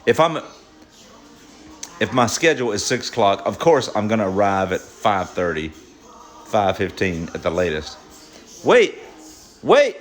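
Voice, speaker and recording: A man's voice: on the low side, moderate pace, long pauses. A middle-aged man vlogging at home, rambling and joking, often repeating himself. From United States. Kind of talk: casual home vlog.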